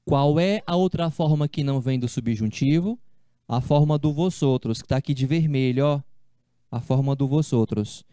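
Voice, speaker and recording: A man teaching a language class, explaining slowly and repeating each step, with casual friendly asides to his students. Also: medium pitch, mellow, clear, resonant tone, no room sound, clean studio sound. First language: Portuguese. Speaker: Spanish teacher. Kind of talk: online class lecture.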